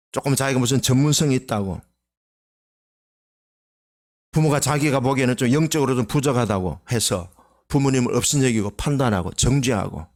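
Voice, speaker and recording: A man preaching a Sunday sermon as pastor, asking the congregation rhetorical questions and swinging between loud exclamations and soft low asides. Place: church sanctuary.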